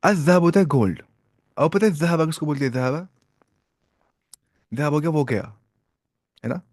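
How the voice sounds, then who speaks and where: A man teaching a beginners' Arabic class, asking his students questions and repeating each word slowly. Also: on the high side, a little mellow, no echo, clean studio sound. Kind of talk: classroom lesson.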